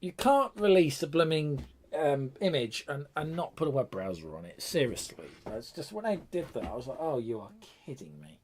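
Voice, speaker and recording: A man's voice: fairly high pitch, sing-song, moderate pace, darkish tone, a little hiss or hum. A man with a British accent hosting a casual tech live stream, chatty and rambling, often breaking off with fillers and restarts.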